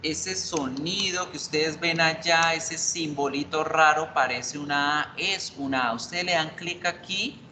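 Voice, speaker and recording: A man's voice: fairly high pitch, measured pace, hardly any pauses, pushed and bright, slight background noise, low-quality recording. A man teaching an online English class, patiently explaining pronunciation and repeating words.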